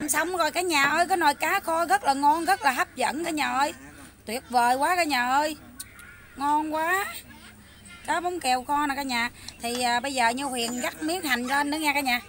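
Loud, bright Mekong Delta woman vlogger. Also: high-pitched, moderate pace. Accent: Southern Vietnamese, Mekong Delta. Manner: loud, chatty, enthusiastic, talks over noisy kids. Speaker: cooking vlogger. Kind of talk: casual cooking vlog chat. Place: rural hut kitchen.

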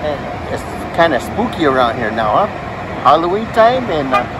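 A man hosting his own vlog from a car at a car wash, talking playfully and excitably. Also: fairly high pitch, moderate pace, noisy background. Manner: playful, excitable, keeps saying "bro" and "huh?". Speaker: YouTube vlogger host. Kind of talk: casual vlog chat. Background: loud music.

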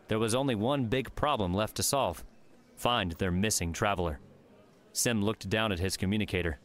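A man narrating an audiobook in steady, even storytelling. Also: lowish voice. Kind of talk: scripted narration.

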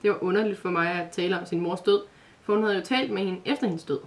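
A woman narrating a children's advent story in a calm, even reading voice. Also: lowish voice, recorded from a distance.

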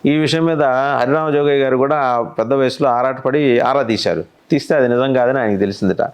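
A man's voice: medium pitch, fairly quick, clear, resonant tone. A man giving solo political commentary in a conversational, wry manner, often asking pointed rhetorical questions.

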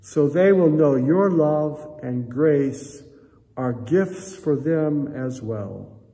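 An older American pastor, in his 60s or beyond, leads prayer and makes an offering appeal to his congregation indoors in a church sanctuary. His voice is a little high with a dark tone, and he speaks solemnly and earnestly in measured phrases, with reverberant echo from the church hall.

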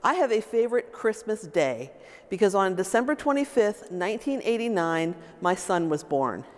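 A woman's voice: mid-range voice, big pitch swings, normal speed. A middle-aged woman, a financial officer, giving a fond, sentimental holiday greeting in a large indoor hall on a lapel mic. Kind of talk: casual holiday greeting to camera. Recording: reverberant hall.

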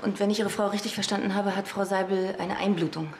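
Actress as businesslike hospital woman, urgent, fast, echoey noisy room, TV drama. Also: mid-range voice, steady tone, close to an everyday voice. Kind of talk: TV drama acting. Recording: echoey room with clear noise.

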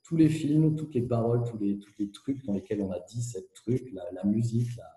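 A man speaking candidly as an interview guest, with fast, tumbling speech full of hesitations and restarts, heard through a hands-free kit. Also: on the low side, expressive, warm tone. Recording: echoey, muffled hands-free phone sound.

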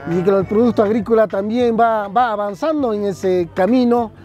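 Earnest official listing things. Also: male voice, high voice, normal speed, darkish tone, faint music behind. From southern Peru. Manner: earnest, repetitive, listing, frequent tag questions. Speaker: municipal official. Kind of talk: press interview. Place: outdoor regional fair.

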